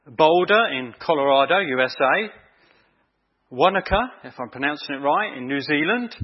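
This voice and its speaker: Husky preacher, chatty sermon. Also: male voice, on the high side, dull audio. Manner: chatty, quizzes the congregation. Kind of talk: evening sermon.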